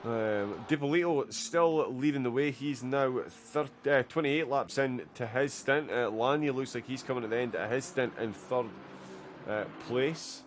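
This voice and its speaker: A man's voice: mid-range voice, measured pace, slight background noise. A man commentating a sim racing endurance stream, chatty and filled with "uh" hesitations as he reacts to the racing. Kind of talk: live race commentary.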